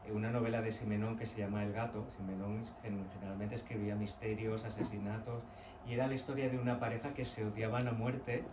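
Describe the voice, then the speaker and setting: A man's voice: mid-range voice, recorded from a distance, background noise. Reflective Spanish man, echoey room. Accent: Castilian, from La Mancha. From Spain. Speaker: author. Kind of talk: book presentation talk. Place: event venue.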